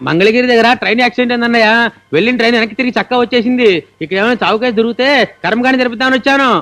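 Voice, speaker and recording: An actor playing the priest's younger brother in a comic film scene, explaining in a hurry. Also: male voice, very high-pitched, very fast, fairly bright tone.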